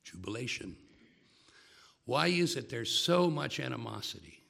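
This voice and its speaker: An older man giving a lecture. He speaks in a measured way and breaks off into stories and asides. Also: mid-range voice, very animated, gravelly, fairly bright tone.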